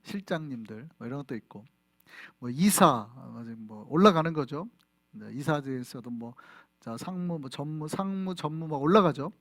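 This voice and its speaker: Lively high-voiced male pastor preaching. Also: normal speed, no room sound, studio quality. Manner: conversational preaching with rhetorical questions. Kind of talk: sermon. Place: church in Flushing, New York.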